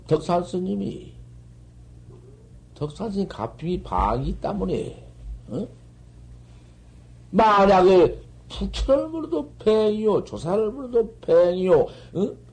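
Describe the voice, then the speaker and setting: An older man giving a Buddhist dharma lecture on koans, scolding and animated, swinging from loud outbursts to murmurs, on an old 1970s tape. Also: high-pitched, slight background noise, low-quality recording. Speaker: Zen master giving a dharma talk.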